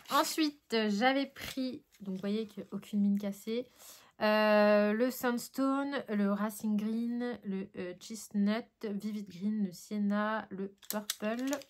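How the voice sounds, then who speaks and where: A woman's voice: mid-range voice, slight background noise. Chatty sniffly French woman vlogger. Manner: chatty, excitable, frequent fillers and sniffing. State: sniffly, ticklish nose. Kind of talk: casual unboxing chat.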